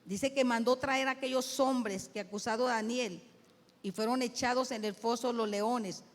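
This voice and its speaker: A woman's voice: on the high side, steady tone, normal speed. A woman pastor preaching a sermon in a storytelling way, repeating and restarting words as she goes. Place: church sanctuary. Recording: long church reverb.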